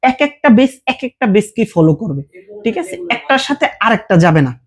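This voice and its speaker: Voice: medium pitch, sing-song, fairly quick, husky. A teacher giving a casual language lesson, explaining verb forms patiently with repeated examples and check questions.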